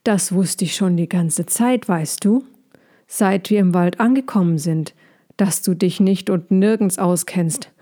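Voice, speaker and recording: A woman reading a children's story aloud, voicing a small, earnest young male dragon in a soft, breathless voice close to her own. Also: on the low side, measured pace.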